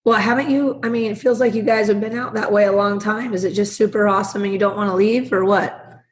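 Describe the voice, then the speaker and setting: A woman co-hosting a casual podcast in a chummy, slangy way, with a hoarse smoker's rasp and a congested sound from a sinus bug. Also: mid-range voice, steady tone, quick pace, slight background noise. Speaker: podcast co-host.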